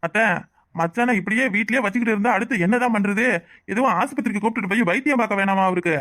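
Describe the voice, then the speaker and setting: A quick, mid-pitched voice of a greedy cartoon husband, as a performer puts him on, sweet-talking in the open and plotting money schemes under his breath. He talks with a southern Tamil accent from Tirunelveli, over faint music. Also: fairly bright tone, close to an everyday voice. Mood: wheedling. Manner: wheedling aloud, plotting asides. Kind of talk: cartoon voice acting.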